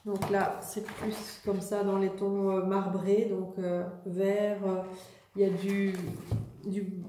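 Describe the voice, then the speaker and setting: A woman talks through her latest haul in an easy, chatty way, often pausing to find her words. Her voice is mellow and soft-edged. The sound carries an echo from the room, with faint noise behind her. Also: medium pitch. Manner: relaxed, chatty, many hesitations. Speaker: vlogger showing a shopping haul. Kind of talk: casual haul video.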